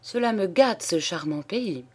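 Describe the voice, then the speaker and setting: Casting: woman as a snobbish lady, low-pitched, unhurried, prim. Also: expressive, slightly rough. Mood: disdainful. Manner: prim, disdainful. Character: haughty middle-class woman, disdainful.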